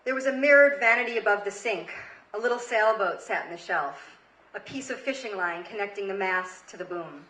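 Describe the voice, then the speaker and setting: Speaking at a fairly quick clip, a Queens-born woman in her thirties delivers a comedic story on stage, dramatic and emphatic. She's a comedy storyteller and show host with a mid-range, fairly bright voice. The live recording is roomy with a little noise.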